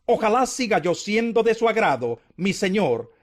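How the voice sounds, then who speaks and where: A man's voice: high voice, big pitch swings, moderate pace. A man voicing a humble, grateful young foreign widow in scripted scripture dialogue, with deferential phrasing. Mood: humble gratitude.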